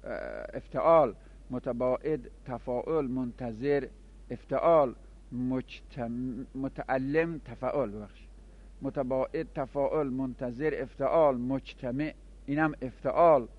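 A man teaching a classroom grammar lesson, explaining step by step and answering his own questions. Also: mid-range voice. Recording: dull lo-fi recording.

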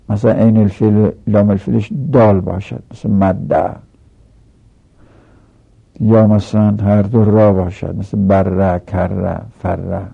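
A man's voice: fairly low pitch, gravelly, breathy edge. A man teaching a grammar lesson from a textbook, explaining each rule step by step with repeated examples. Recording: dull lo-fi recording.

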